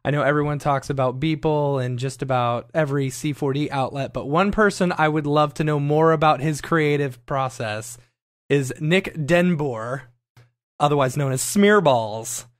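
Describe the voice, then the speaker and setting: A man hosts a casual podcast interview. His voice is a bit higher than most men's. He talks with eager energy and stumbles through fillers and restarts as he gets his questions out. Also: normal speed. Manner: enthusiastic, lots of fillers and restarts. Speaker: podcast host.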